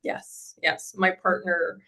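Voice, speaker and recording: A woman's voice: fairly low pitch, level tone, takes it slowly, pushed and bright. A woman in her forties giving a testimonial in a casual interview, rambling with many fillers and restarts. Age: 40s. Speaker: program client giving a testimonial.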